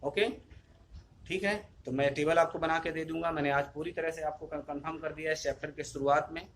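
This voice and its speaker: A man teaches physics in a recorded lesson, with a slightly high voice. He goes over each point several times and asks questions that he answers himself. There is a faint hiss of noise behind him. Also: steady tone, a little fast. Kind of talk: classroom lesson video.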